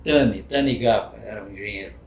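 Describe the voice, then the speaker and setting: A man's voice: fairly low pitch, a little fast, creaky, darkish tone, a little hiss or hum. An older man with a southern Brazilian accent tells racing stories in a rambling, reminiscing way, often tagging his sentences with a questioning aside. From Paraná, Brazil. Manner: rambling, frequent tag "né?". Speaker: retired motorcycle racer. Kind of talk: reminiscing storytelling. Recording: roomy echoey room.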